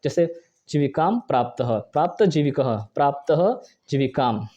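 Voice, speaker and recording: A man teaching a Sanskrit grammar lesson, talking fast, repeating each example and asking and answering his own questions. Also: mid-range voice, mellow, dull audio. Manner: fast, brisk delivery. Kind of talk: exam-prep grammar lesson.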